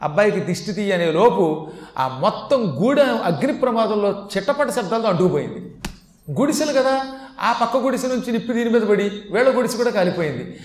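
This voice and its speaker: High-voiced man giving a devotional sermon. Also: echoey room. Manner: chants Sanskrit and Telugu verses slowly, lively storytelling. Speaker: religious discourse speaker.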